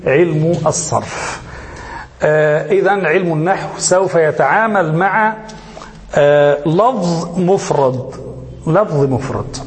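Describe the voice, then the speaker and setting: A sheikh with a high voice gives a grammar lesson in a lingering, reverberant hall. He speaks slowly and deliberately and repeats key terms. He often stops on a question and lets his students finish the word. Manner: asks questions and lets listeners finish them. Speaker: sheikh teaching Arabic grammar. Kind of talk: classroom lecture.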